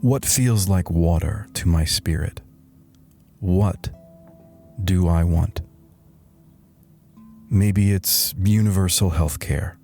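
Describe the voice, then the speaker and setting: Man playing Lloyd Dobler, slow deep meditation guru. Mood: wry, reflective. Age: middle-aged. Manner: deadpan, slow, soothing delivery with deliberate pauses. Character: middle-aged wry, weary slacker turned satirical meditation guru. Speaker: meditation guide. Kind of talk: satirical guided meditation narration over music. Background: soft background music.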